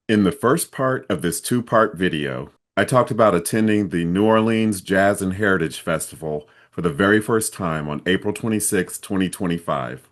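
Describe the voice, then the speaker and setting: Man, very low voice, from Ohio, vlogger, casual travel storytelling, steady. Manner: steady, plain storytelling with some restarts.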